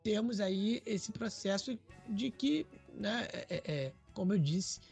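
A man's voice: sits high, expressive, slow pace, vocal fry, a little mellow, husky, soft background music. A Brazilian man co-hosting a podcast, discussing news casually and hesitantly, with many fillers. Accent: Brazilian Portuguese. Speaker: podcast co-host.

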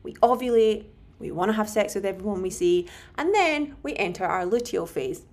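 A woman hosts a podcast, explaining things casually at a medium pitch. She is frank and pokes fun at herself. The recording has a slight room echo, as from a home setup. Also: expressive, moderate pace, darkish tone. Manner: frank, self-deprecating. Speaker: podcast host and nutritionist.

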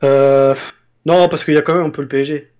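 A man with a slightly high voice trading football banter with friends. He swears freely and taunts rival fans in a mocking, crude way. His talk is loose and offhand. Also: fairly even intonation, a little fast, darkish tone, clean tone, muffled recording. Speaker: co-host of a football show.

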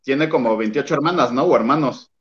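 A man joining a casual gossip chat, speaking in a hesitant, halting way. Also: medium pitch, highs cut off, crowd noise.

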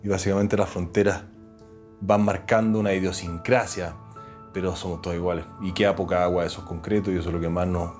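A man with a Chilean accent, an actor and presenter, telling his story as an interview guest in an earnest, animated way. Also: deep voice, fast talker, soft background music. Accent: Chilean Spanish. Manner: earnest, animated, voices other people when retelling. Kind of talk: reflective conversational storytelling.

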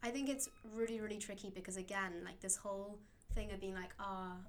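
Young woman, casual conversation, quick speech, flat delivery, faint rumble behind. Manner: reflective, many fillers like "like" and "um".

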